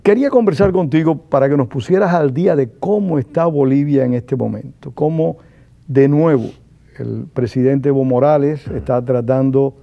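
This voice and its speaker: A man hosting a formal television interview, speaking in a measured, deliberate way as he introduces his guest and asks questions. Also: mid-range voice, creaky. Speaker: TV interviewer, journalist. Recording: dull lo-fi broadcast sound.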